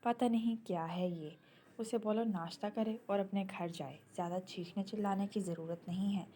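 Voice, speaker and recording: A woman reading an audio novel, voicing a gentle young husband who speaks tenderly and reassuringly. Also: mid-range voice, steady tone, slight background noise, natural voice. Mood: affectionate.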